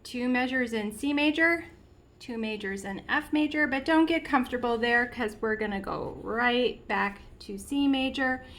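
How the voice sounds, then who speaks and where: A woman's voice: a little high, fairly bright tone, a little hiss or hum. A woman giving a step-by-step piano lesson, patiently explaining and counting and half-singing the beats aloud. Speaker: piano teacher. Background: piano played along.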